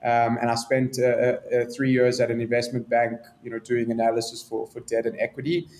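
A man from South Africa with a South African accent, answering interview questions in a measured, businesslike way. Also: mid-range voice, flat delivery, darkish tone, roomy sound. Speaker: guest, business expert.

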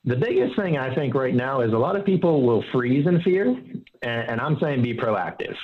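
A man speaks as a financial advisor guest, earnest and explanatory. He leans on analogies and often restarts his sentences. His voice sits at a middle pitch, and the recording sounds slightly dull and lo-fi. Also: lively intonation, normal speed. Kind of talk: casual interview.

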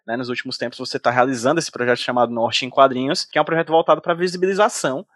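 A man's voice: mid-range voice, steady tone, very fast, a bit bright, no room sound, studio quality. A man hosting a podcast, conversational, with frequent tag questions and casual swearing. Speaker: podcast host.

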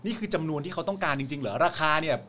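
Man, casual co-host commentary, slightly high voice, very lively pitch, questioning, repetitive emphasis. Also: rapid-fire, a little hiss or hum. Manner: colloquial, questioning, repeats phrases for emphasis. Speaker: talk show co-host.

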